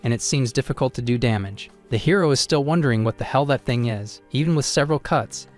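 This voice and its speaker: A man narrates a comic story recap in a steady, scripted voice-over. His pitch sits in a middle range and his delivery stays even. Faint background music runs beneath the narration. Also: quick pace.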